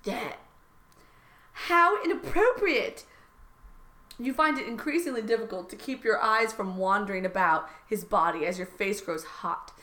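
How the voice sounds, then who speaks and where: A woman's voice: medium pitch, a little fast, hardly any pauses, sharp tone. A woman co-hosting a comedy podcast, reading fan fiction aloud with exaggerated drama. She stays playful and mocking throughout, and her laughter keeps breaking into the reading. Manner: giggly, breaks into laughter, mock-sultry line readings.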